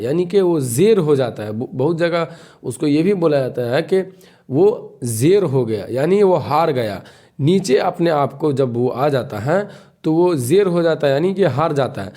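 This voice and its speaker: Guy teaching the alphabet, a bit high-pitched, slow and patient, keeps repeating and asking questions. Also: lively intonation, warm tone. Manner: patient, repeats and quizzes the learner. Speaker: Urdu teacher.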